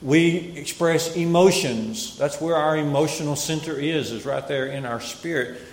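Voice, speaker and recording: A man delivering a Bible sermon in a measured, emphatic way, often repeating key phrases. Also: a little high. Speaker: preacher. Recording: echoey hall with long reverb.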